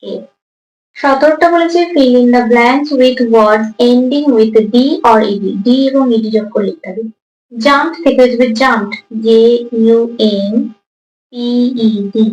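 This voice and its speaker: Woman teacher, exam walkthrough, slow careful delivery, spells words out, roomy echo. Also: on the high side, slight background noise. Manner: spells answers out letter by letter; reads English prompts slowly, then explains in Bengali. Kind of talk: exam answer walkthrough lesson. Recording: echoey room.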